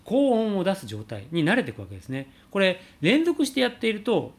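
A man teaching singing, calmly answering a viewer's question about high notes and showing sung slides. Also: brisk. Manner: explains calmly, demonstrates sliding sung vowels.

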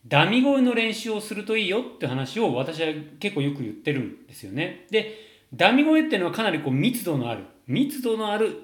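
A man teaching voice technique, his pitch a touch high and rising and falling a lot as he explains. He answers questions with plenty of fillers and restarts. The sound rings in a roomy, echoey space. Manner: lively, explanatory, many fillers. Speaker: singing voice coach. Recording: roomy echo.

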